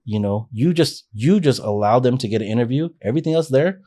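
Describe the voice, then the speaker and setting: Expressive and brisk, a man in his forties speaks in a mid-range voice with a dark tone. As a podcast guest in a casual life-story interview, he narrates his life earnestly, rambling and restarting frequently.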